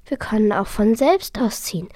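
A woman voicing a small, shy, kind young female dragon in a children's story, speaking softly and at times in a whisper. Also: mid-range voice, very animated, normal speed, no room sound, studio quality. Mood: gentle.

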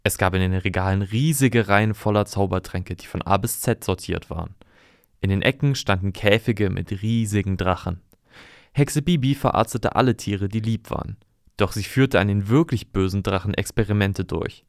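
A man calmly reading a fairy tale aloud in an even storytelling manner. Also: on the low side, moderate pace, no echo, studio quality.

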